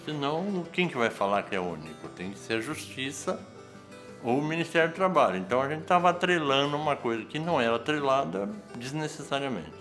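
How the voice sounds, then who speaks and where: A man's voice: mid-range voice, expressive, fairly quick, a bit bright. A man explaining and arguing his views in an interview. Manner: explanatory, argumentative. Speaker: interviewee, union veteran. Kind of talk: political reflection. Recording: faint guitar music behind.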